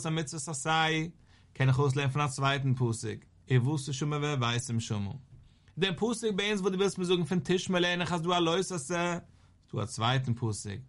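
A man teaching a Talmud lesson in a lively singsong study cadence. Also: fairly high pitch.

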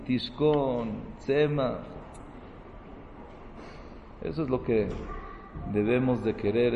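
A man's voice: mid-range voice, reverberant, big-room sound, muffled recording, slight background noise. A man giving a sermon as a rabbi, mixing Hebrew terms into his talk and building to emphatic, rising peaks.

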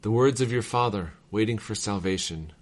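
A man with a somewhat low voice reads letters aloud. His delivery is measured and formal, with the steady cadence of devotional reading. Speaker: reader of devotional texts.

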